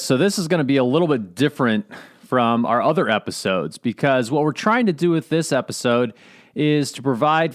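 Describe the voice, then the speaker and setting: A middle-aged man co-hosting a podcast, chatting in a relaxed way and laughing easily. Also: mid-range voice. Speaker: podcast co-host. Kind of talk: casual conversational podcast.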